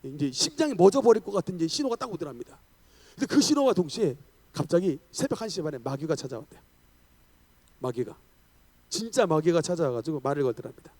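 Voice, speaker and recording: Animated high-voiced male pastor. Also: fast. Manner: animated storytelling, shouting declarations. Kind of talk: revival sermon.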